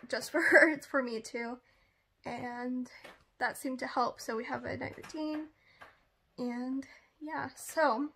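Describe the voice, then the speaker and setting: A woman talking casually in a vlog, chatty and rambling, with frequent fillers and asides. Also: fairly bright tone. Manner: breaks into a high sing-song when talking to her puppy. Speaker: vlogger. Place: outdoors at first, then indoors.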